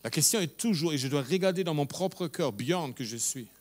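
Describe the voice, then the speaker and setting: Earnest male pastor with a German accent, high-pitched voice, halting sermon delivery. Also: expressive. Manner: earnest, halting with restarts, mixes in English phrases.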